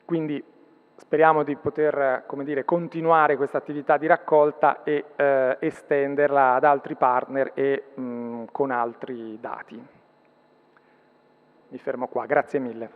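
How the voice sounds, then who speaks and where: A man giving a formal conference presentation, pausing often with fillers. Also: medium pitch, level tone. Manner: hesitant, many fillers. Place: large conference hall. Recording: tinny sound with long hall reverb.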